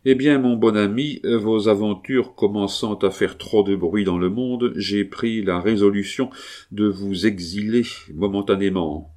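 A man voicing a severe, cunning middle-aged police chief who speaks with measured authority. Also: lowish voice, a little mellow, lightly acted. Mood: stern.

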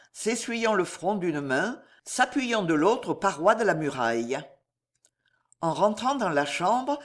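With a mid-pitched voice full of rises and falls, the audiobook narrator reads expressively and dramatically. Each line is given weight, and the pace slows whenever the tension builds.

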